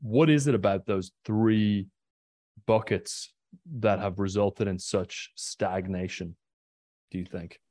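A man's voice: fairly low pitch, fairly even intonation, slow, mellow, dry recording. A young Irish man hosting a podcast interview, reading his questions earnestly and sometimes stumbling over words. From Ireland. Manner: earnest, reads prepared questions, repeats words. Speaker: podcast host.

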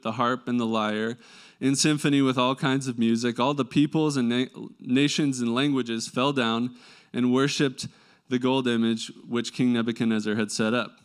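A man's voice: mid-range voice, clear, resonant tone. A man preaching a sermon in a conversational way, reading and explaining scripture and checking in with rhetorical questions, his voice nasal from a slight head cold.

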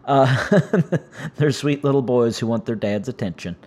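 The host of a solo podcast, a man from the United States, talks casually and a little slowly in a darkish, medium-pitched voice made raspy and strained by injured vocal cords. He wanders between topics, fills gaps with "uh," and is self-deprecating, as cats make noise nearby.

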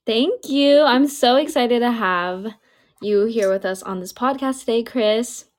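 A woman's voice: on the high side, measured pace. A woman in her early twenties hosting a podcast, talking in a friendly way with frequent fillers. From United States. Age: 20s. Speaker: podcast host. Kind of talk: conversational podcast discussion.

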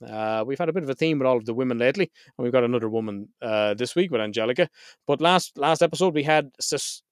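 A man opens his mental health podcast solo and casually, talking quickly in a smooth, mid-range voice. He speaks frankly and swears freely, sounding slightly nasal and stuffed up from a head cold. The recording is dry and studio quality.

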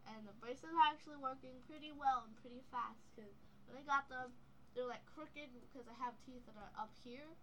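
A woman's voice: sits high, normal speed, sharp tone, slight background noise, low-quality recording. A young woman with speech slightly impeded by dental braces, rambling candidly in a casual podcast chat. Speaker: podcast co-host.

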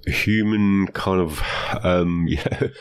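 A man co-hosting a film podcast in casual chat, talking haltingly with many fillers and restarts. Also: deep voice, fairly even intonation, clean tone, dry recording. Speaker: podcast co-host.

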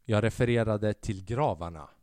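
A podcast host and stand-up comedian tells a story on his solo show, casual, profane and animated, acting out the voices of people he quotes. His voice is on the low side, with clean studio sound and no room echo.

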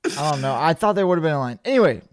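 Young man, high voice, very lively pitch, casual sports podcast host, announcer bits. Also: racing. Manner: animated, slips into loud announcer bits. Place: at home.

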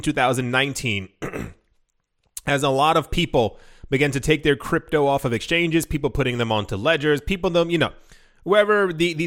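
A man with a slightly higher voice than most hosts a casual crypto news show. He reads each headline and then wanders into loose, rambling asides, stacking fillers as he thinks aloud. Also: a bit bright.

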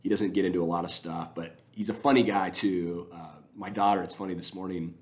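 A man's voice: deep voice, fairly even intonation, brisk. A man talking casually on a podcast, rambling with enthusiasm and many restarts as he recommends things.

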